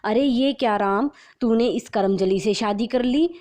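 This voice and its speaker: A woman voicing a quarrelsome middle-aged mother-in-law who scolds loudly and bitterly in a storybook tale. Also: medium pitch, a little slow, lightly acted. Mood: shouting angrily.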